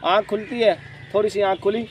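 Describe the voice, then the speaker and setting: A man's voice: sits high, steady tone, a little fast. A man hosting a religious lecture, emphatic and repetitive, asking and answering his own questions. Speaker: host, spiritual lecturer. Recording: distant mic, faint outdoor noise.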